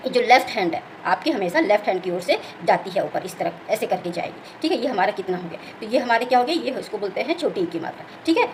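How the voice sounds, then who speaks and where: A woman teacher talks quickly in a fairly high voice. She explains a grammar lesson point by point and keeps asking whether it is clear. Faint background noise sits under her voice. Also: rough recording. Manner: explains step by step, often asks "clear?" and says "okay".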